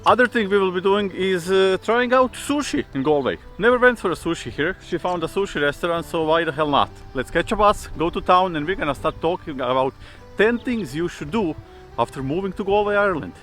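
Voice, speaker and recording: A man's voice: high voice, expressive, fairly quick, fairly bright tone. A man hosting a vlog in an informal, wry, self-deprecating way, with music behind him. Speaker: vlog host. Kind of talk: casual vlog presenting. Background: faint background music.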